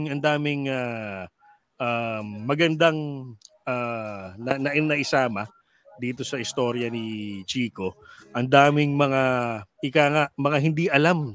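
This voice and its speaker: A man's voice: a little high, fairly bright tone, no room sound. A middle-aged man, a radio DJ guest, chatting casually in a joking, rambling way, mixing in English and many fillers. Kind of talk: casual studio chat.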